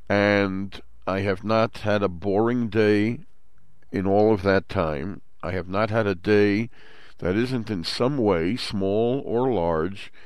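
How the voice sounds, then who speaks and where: Slow, smooth-voiced older New man. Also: on the low side, no room sound. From Brooklyn, New York. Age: 60s. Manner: measured, explanatory, with Hebrew terms. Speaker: host. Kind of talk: Torah commentary talk.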